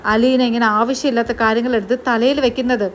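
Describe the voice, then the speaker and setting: A gruff retired army colonel and father, as a woman reads him, brushing off every request with curt scorn. His speech is pitched fairly high and comes through with a faint hiss behind it. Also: fairly even intonation, a little fast, natural voice. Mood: scornful.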